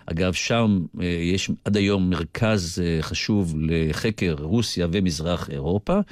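An older man with an Israeli accent, telling his recollections deliberately, with asides, as a guest in a radio interview. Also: low-pitched, a little mellow, no room sound, studio quality. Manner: deliberate storyteller who digresses into asides. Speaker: interview guest, retired military intelligence officer.

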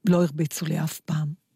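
A middle-aged woman co-hosting a casual radio chat, telling stories and jokes in an animated way. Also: low voice, gravelly, breathy edge, no echo, clean studio sound. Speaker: radio co-host.

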